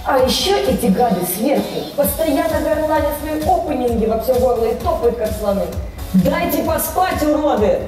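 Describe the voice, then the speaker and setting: A woman's voice: high-pitched, animated, moderate pace, few pauses, warm tone. Echoing, vain anime sorceress acted by a woman. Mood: irritated. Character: vain, forgotten anime sorceress, bitter and complaining. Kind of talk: theatrical anime parody skit. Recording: echoey hall, far off, music, crowd.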